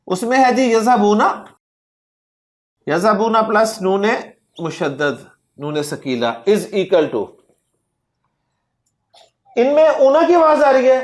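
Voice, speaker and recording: A man teaching Arabic grammar in a classroom lecture. He drills word forms slowly and keeps quizzing his students. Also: sits high. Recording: echoey classroom recording.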